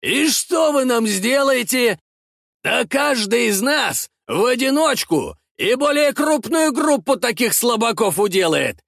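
A man shouting as brutish mustached zealot thugs. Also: sits high, expressive, measured pace, creaky, no room sound, studio quality, voice pushed up, heavily acted. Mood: yelling threats. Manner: yelling, threatening, mocking. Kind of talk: audiobook character voice.

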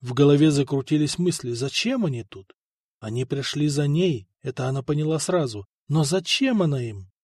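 A man reads an audiobook at an even, measured pace. His voice sits slightly high, and the recording is close and dry with no room sound. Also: breathy edge, no echo. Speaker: narrator. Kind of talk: audiobook narration.

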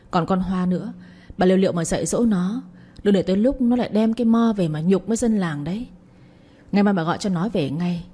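A woman's voice: mid-range voice, dark tone, husky, close to an everyday voice. A woman voicing an angry older village father who scolds harshly and with contempt.

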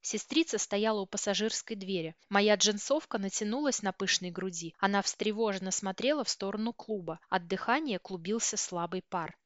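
A woman reading a first-person novel aloud with steady, tense storytelling. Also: mid-range voice, normal speed, few pauses, no echo, dull audio. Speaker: audiobook reader.

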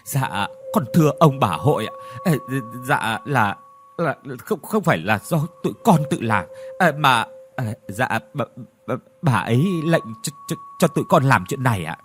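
A man's voice: medium pitch, sing-song, normal speed, a bit bright, faint music behind. A man voicing a frightened hired thug who stammers a confession in a ghost story. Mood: fearful. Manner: stammering, hesitant.

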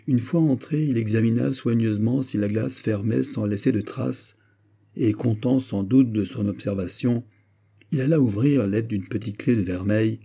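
Low, dark-voiced male audiobook reader. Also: breathy edge. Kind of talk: scripted narration of a classic novel.

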